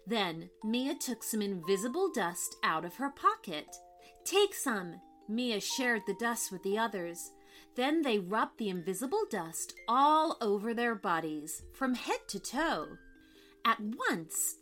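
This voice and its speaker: Slow, animated woman telling children's stories. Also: fairly high pitch. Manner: expressive, dramatic. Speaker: storyteller. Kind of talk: scripted children's story narration. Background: background music.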